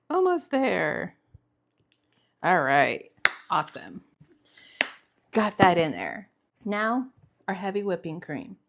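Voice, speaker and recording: Slow-talking woman in a home kitchen. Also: on the low side, huge pitch swings, a little hiss or hum. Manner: chatty, laughs at herself, careful measured steps. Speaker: home cook showing a recipe. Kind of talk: casual cooking tutorial.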